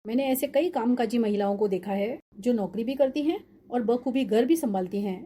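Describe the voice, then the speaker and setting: Woman doing a grown son, reproachful, mellow voice a bit high, faint noise behind, cartoon drama. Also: moderate pace, natural voice. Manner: reproachful, reasoning. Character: exasperated grown son, husband.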